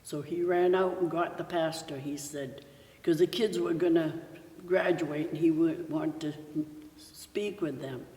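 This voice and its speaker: An older woman giving a personal testimony at her church, telling her story slowly with many pauses. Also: low voice, fairly even intonation, dark tone. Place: church sanctuary. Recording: echoey church hall from far off.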